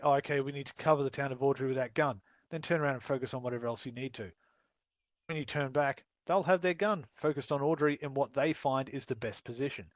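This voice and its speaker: A man running a casual voice-chat training session, blunt and sweary, acting out quick quoted exchanges. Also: mid-range voice, dry recording, lo-fi sound. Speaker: training instructor.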